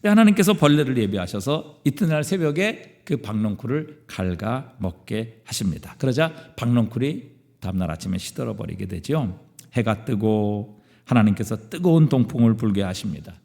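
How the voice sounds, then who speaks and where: A male pastor preaching a sermon, retelling scripture with animated, dramatized storytelling in a church sanctuary. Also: lowish voice, normal speed, creaky. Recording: long reverb of a church sanctuary.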